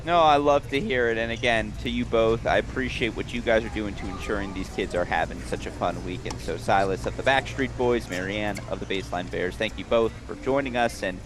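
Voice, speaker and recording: A man's voice: lowish voice, brisk, few pauses, noisy background. A man hosting a tennis camp event, interviewing counselors and narrating the action with upbeat enthusiasm. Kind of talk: live event commentary and interviews. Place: outdoor tennis courts. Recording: music playing behind.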